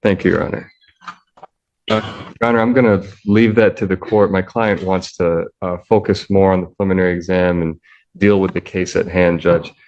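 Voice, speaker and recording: A man's voice: low-pitched, fairly even intonation, moderate pace, darkish tone. A man speaking as a defense attorney, addressing a judge deferentially but informally in court. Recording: muffled audio with faint noise.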